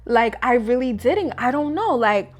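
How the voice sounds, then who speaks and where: A woman's voice: a little high, animated, unhurried. A young woman vlogger chatting casually through a story, full of fillers and acting out her own thoughts. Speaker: beauty vlogger. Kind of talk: casual storytime while doing makeup.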